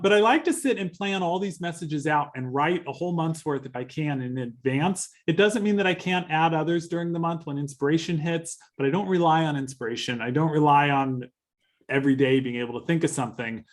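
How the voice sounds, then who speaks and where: A man with a Californian accent giving a relaxed social media workshop, chatty and easygoing. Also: fairly high pitch, a little fast. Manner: chatty, laughs easily, restarts phrases. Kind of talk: casual workshop talk.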